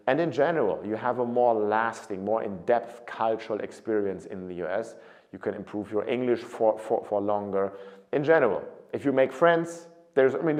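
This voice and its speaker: A man in his thirties with a German accent works as a study abroad consultant and speaks to camera earnestly, often restarting and repeating words. His voice is mid-range with a darkish tone.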